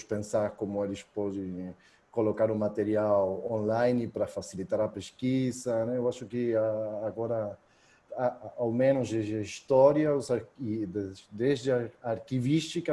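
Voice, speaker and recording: Argentine man, very dark and mellow tone, guest speaker on a video call, jokey and halting, slips Spanish into his Portuguese. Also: mid-range voice. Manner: joking, hesitant, mixes Spanish into Portuguese. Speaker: guest researcher presenting. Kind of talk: academic seminar talk over video call.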